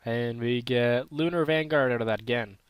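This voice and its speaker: A man's voice: mid-range voice, moderate pace, smooth, dry recording. A man with a throat irritation giving casual, unsure, self-correcting commentary while playing a mobile game. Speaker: gaming channel host.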